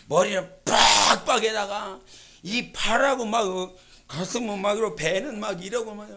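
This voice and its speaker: A woman pastor preaching a sermon at an evening church service. She moves between soft storytelling and shouted exhortation. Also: mid-range voice, vocal fry.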